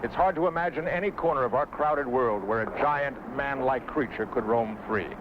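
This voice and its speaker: An American man narrating a nature documentary from a script in a measured, suspenseful, dramatic way. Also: mid-range voice, background noise. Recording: dull vintage TV soundtrack, loud music behind. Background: loud background music.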